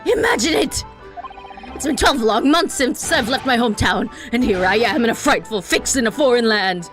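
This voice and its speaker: A woman's voice: fairly high pitch, moderate pace, faint music behind, pitched above the performer's own voice. Woman playing a frantic, theatrical young male prisoner. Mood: overwrought. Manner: melodramatic, alliterative, excitable.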